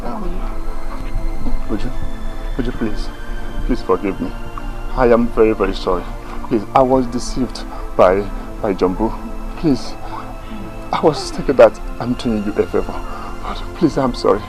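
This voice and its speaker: A man with a Nigerian accent playing a remorseful man who softly begs forgiveness in a film. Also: on the low side, unhurried, over music, low-quality recording. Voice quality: soft, pleading.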